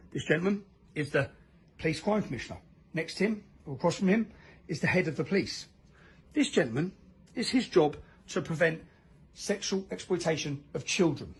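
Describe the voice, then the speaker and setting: A man's voice: fairly high pitch, expressive, normal speed, a little hiss or hum. A man giving emphatic, accusing commentary over photos.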